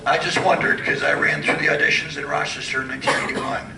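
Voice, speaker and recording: Audience guy asks a question from way back, gravelly and bouncy, lots of room echo. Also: on the high side, fairly even intonation, quick pace. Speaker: audience member asking a question. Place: convention hall. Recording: echoey hall, speaking from far off, noisy.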